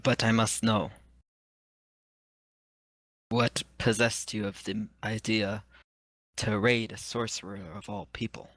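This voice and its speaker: A man's voice: fairly low pitch, flat delivery, slow, pauses often, a bit bright, no room sound. A man voicing a haughty, teasing adventurer with a put-on island accent in tabletop role-play.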